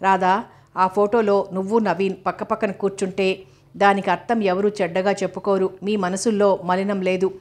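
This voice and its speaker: Gentle married older sister, measured, slow, level pitch, voiced by a woman. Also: flat delivery, natural voice. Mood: advising.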